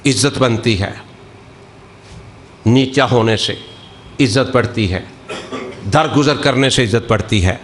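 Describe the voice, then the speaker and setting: A man preaching an impassioned storytelling sermon with a Punjabi accent, moving between hushed narration and loud, drawn-out lines. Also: medium pitch, a little hiss or hum.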